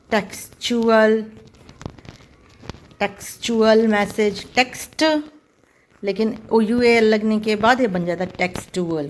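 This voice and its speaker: A woman teaching pronunciation in a video lesson, speaking slowly and deliberately and repeating and spelling out each example word. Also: medium pitch.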